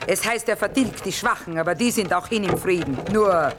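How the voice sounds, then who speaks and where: A woman's voice: medium pitch, a little fast, noisy background, close to an everyday voice. An actress playing a middle-aged, shrewd, blunt mother who trades in wartime, in earthy speech for a radio drama. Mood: defiant. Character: hard-bitten, shrewd, sharp-tongued mother trading in wartime. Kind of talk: German stage-style radio drama acting.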